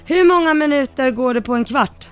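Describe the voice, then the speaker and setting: A woman co-hosting a radio show, reading quiz questions briskly and clearly. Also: sits high, faint music behind. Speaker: radio co-host, quiz reader.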